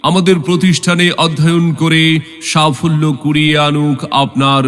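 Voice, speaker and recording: A man with a Bangladeshi accent reading a scripted public announcement advert in a formal, measured way with drawn-out phrases. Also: a little high, fairly even intonation, a bit bright. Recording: long echoing reverb, music bed. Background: music.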